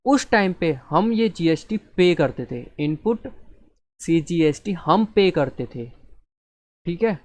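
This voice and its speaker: A man's voice: fairly high pitch, expressive, slow, darkish tone. A man teaching an accounting lesson, reading sums aloud and asking and answering his own questions. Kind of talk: screen-recorded lesson.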